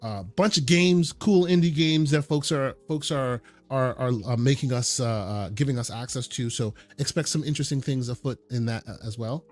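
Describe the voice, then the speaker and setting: A man hosting a casual podcast, speaking haltingly and often repeating words several times as he goes. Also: medium pitch, faint music behind. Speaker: podcast host. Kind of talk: casual podcast sign-off chat.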